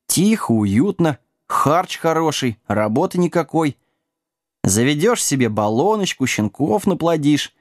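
A man's voice: fairly high pitch, big pitch swings, measured pace, dry recording, clean studio sound, pitched above the performer's own voice. A man voicing a bossy, sarcastic middle-aged male sorcerer in an audiobook. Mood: mocking. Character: gruff, mocking male sorcerer of middle age. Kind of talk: audiobook character voice.

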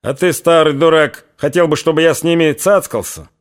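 A man's voice: on the high side, brisk, clean tone, pitched above the performer's own voice, close to an everyday voice. A man reading an audiobook, voicing a cruel, vengeful young Cossack who rages, threatens and spits insults. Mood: furious. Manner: raging, threatening, spitting insults.

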